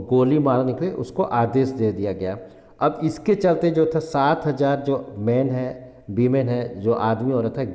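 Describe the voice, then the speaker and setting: A male teacher giving a Hindi history lesson. He reads English textbook lines slowly, word by word, and then explains them in Hindi, often repeating himself. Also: mid-range voice, mellow, highs cut off. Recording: echoey room with long reverb.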